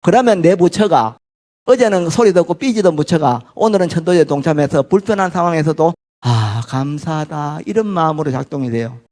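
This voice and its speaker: A man's voice: on the high side, a little fast. A Buddhist monk with a Gyeongsang Korean accent giving a sermon, asking the listeners questions and acting out the voices he quotes. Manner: animated, asks rhetorical questions and acts out quoted voices.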